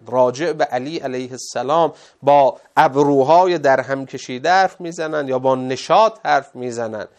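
A man giving a religious lecture, explaining at length and quoting Arabic scripture in a slow, measured recitation. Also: mid-range voice. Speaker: cleric.

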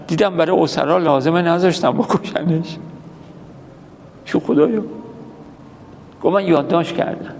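A man's voice: high voice, gravelly, a little mellow. A man giving an anecdotal religious lecture, telling stories with quoted dialogue and posing questions that he answers himself. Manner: storytelling that acts out quoted dialogue, asks and answers his own questions. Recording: reverberant hall, faint background noise.

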